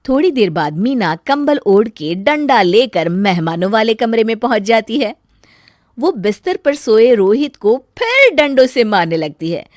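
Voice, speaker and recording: A woman's voice: a little high, big pitch swings, unhurried, a little mellow, no echo, clean studio sound. A woman narrating a cartoon story in plain storytelling fashion.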